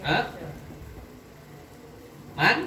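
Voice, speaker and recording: A man teaching a classroom Quran recitation lesson, often quizzing his students and checking that they understand. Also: very slow. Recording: echoey room, voice from a distance, faint background noise.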